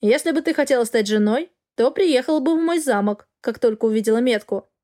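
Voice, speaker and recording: Calm dragon lord, male, dry mockery, cool, woman reading it, audiobook. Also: a little high, a little fast, close to an everyday voice. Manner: calm, dryly mocking. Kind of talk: audiobook character voice.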